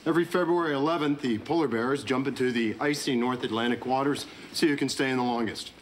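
A man's voice: medium pitch, quick pace, lightly acted. An actor in his thirties playing an earnest, rousing, slightly dim sitcom athlete. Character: gung-ho, earnest, dim small-town male polar bear swimmer. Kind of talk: sitcom acting. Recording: very noisy sitcom soundtrack.

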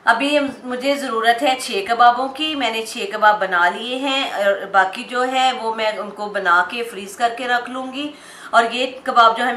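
A woman's voice: a little high, sharp tone. Chatty woman teaching a home recipe. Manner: chatty, step-by-step, addresses viewers directly. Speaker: cooking channel host. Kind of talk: home cooking tutorial. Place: home kitchen. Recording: roomy kitchen echo, faint background noise. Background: oil frying in a pan.

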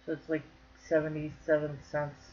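A woman's voice: sits low, monotone, moderate pace, darkish tone. Woman, crochet vlogger, casual chat to camera, folksy, joking, slightly dull lo-fi recording. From northern Michigan.

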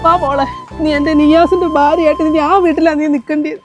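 A high-pitched, tearful mother-in-law, played by a woman in a homemade short drama, pleading and remorseful. Soft music runs underneath her voice. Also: level tone, fairly quick, lightly acted. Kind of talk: amateur short-video drama. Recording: music playing behind voice.

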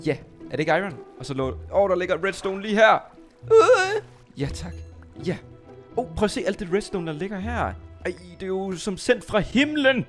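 Excitable danish guy talking thru his minecraft game, voice jumps all over, bit of music underneath. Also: sits high. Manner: excitable, jumps to squeals and shouts when startled; chatty, talks to viewers and his pet. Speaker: gaming YouTuber. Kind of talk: Minecraft let's play commentary.

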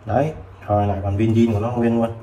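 A man selling used tools who chats casually while showing old multimeters, filling pauses with short words. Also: fairly low pitch, little pitch movement, mellow. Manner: chatty, fills with "đấy" and "rồi". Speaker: used tool seller. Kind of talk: casual product demo. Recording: roomy with faint background noise.

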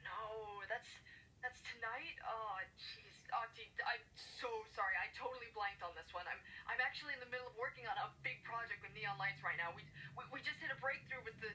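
A woman voicing a busy, flaky female pet DJ who stammers through rushed apologies. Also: fairly high pitch, sharp tone, distant mic, slight background noise, low-quality recording. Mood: apologetic. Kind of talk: amateur fan voice acting.

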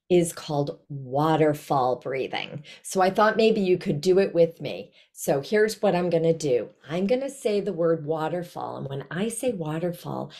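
An older woman with a slightly low voice teaches young children over a video call. She explains things in simple steps and gives encouraging instructions, as an author speaking to a class. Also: warm tone. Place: small indoor room at home. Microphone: video call, computer mic at desk distance.

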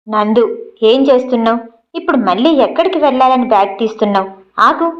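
A woman's voice: on the high side, lively intonation, brisk, dull audio, lightly acted. A woman voicing a hot-tempered but loving young man in an audio storybook, speaking insistently. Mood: pleading.

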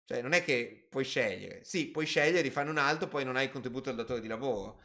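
On a casual personal finance live stream, a male channel host reads viewer questions aloud and answers off the cuff, full of hedges and asides. His mid-range voice runs a little fast and sounds pushed and bright.

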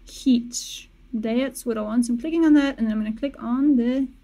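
A young music producer hosts a casual screen-recorded software tutorial, explaining each step in a relaxed way with self-correcting asides at a moderate pace. Her fairly high voice is mellow and soft-edged, and she's close to a boom-mounted studio mic, wearing headphones in a small treated room.

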